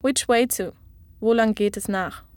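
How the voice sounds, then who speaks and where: A woman tutoring a language lesson, giving each phrase slowly and clearly for a learner to repeat. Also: a little high, darkish tone, no echo, studio quality. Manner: clear, measured model pronunciation.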